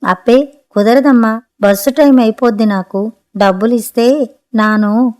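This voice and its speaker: A woman's voice: on the high side, unhurried, a little mellow, natural voice. A woman voicing a working-class housemaid, pleading in rustic colloquial speech.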